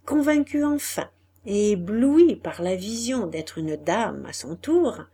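A woman reading a classic novel aloud as an audiobook, soft and measured, often dropping nearly to a whisper. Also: mid-range voice, lively intonation, breathy edge. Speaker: audiobook reader. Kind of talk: literary audiobook narration.

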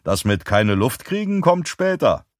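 A man's voice: medium pitch, big pitch swings, a little slow, no room sound, studio quality, voice pushed up. A man doing a jeering, mock-cheerful thug. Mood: taunting. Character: mocking male thug, jokey and cruel.

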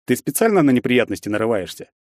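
A man voicing an arrogant young male aristocrat who bullies and taunts, hissing and mocking, rising to a shrill pitch when outraged. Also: big pitch swings, quick pace, darkish tone, no room sound, studio quality, natural voice. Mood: shrill outrage.

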